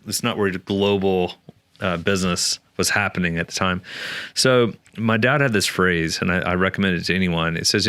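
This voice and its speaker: Brief: very low, resonant male guest, dry close sound, chatty storyteller who restarts his sentences. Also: smooth, dry recording. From Oklahoma, USA. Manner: animated, many restarts and fillers. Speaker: author and guest. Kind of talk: conversational storytelling interview.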